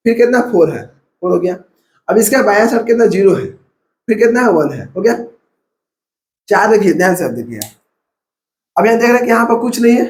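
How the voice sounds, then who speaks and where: Male math tutor with a Bihari Hindi accent, high-pitched, coaching step by step in a roomy space. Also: a little mellow. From India. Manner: step-by-step coaching, repeats numbers aloud. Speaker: math teacher. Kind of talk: classroom math lesson. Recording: echoey room.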